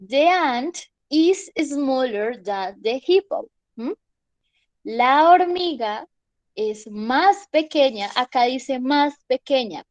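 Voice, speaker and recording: Slow, high-voiced woman teaching English. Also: no room sound. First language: Spanish. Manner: patient, checks understanding with frequent "¿sí?" and "¿bien?". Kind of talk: online class explanation.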